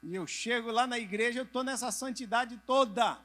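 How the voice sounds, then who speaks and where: A middle-aged pastor with a very high-pitched voice speaks at normal speed to church leaders gathered live in a convention hall. He raises questions only to answer them, at times has the audience raise hands or turn to a neighbor, and at moments his voice becomes soft.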